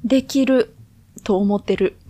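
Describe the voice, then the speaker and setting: Relaxed Kansai woman, higher voice. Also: slightly rough. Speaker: podcast co-host. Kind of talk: casual chat.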